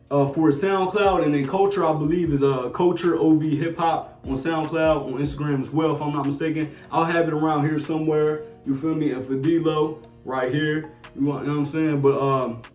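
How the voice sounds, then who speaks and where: A sneaker YouTuber in his twenties from New Jersey, with a Jersey accent, casually answers viewer questions in a Q&A vlog, laid-back and slangy with lots of fillers. His voice sits on the high side. He's off-mic and far from it in an echoey room, with faint music.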